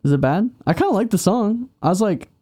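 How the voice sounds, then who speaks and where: A man's voice: high voice, lively intonation, brisk, mellow. A young man co-hosting a music podcast, chatty and casual, full of ums and likes. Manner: chatty, laughs often, lots of fillers like um and like. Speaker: podcast co-host. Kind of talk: casual chat about music.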